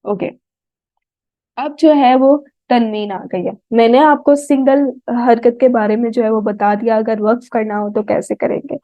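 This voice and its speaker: A woman with a Pakistani Urdu accent teaching a tajweed lesson, sounding out Arabic words slowly and often checking "right?" with her students. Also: on the high side, steady tone, no room sound. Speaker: Quran recitation teacher. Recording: tinny phone-like dry audio.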